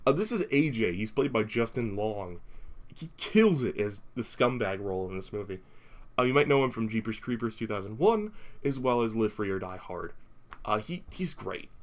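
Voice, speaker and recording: A young man hosting a podcast, recapping a horror movie in a chatty way with wry asides and frequent fillers. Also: mid-range voice. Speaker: podcast host.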